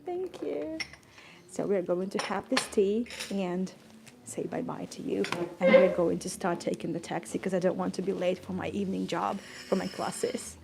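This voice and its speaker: A woman vlogger talks casually from a cozy garden café, thanking viewers and laughing often. Her voice has a gravelly, fry-tinged edge. The live-stream recording carries plenty of background noise. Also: fairly low pitch, level tone, moderate pace. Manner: chatty, grateful, laughs often, stumbles over words. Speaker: tour guide vlogger.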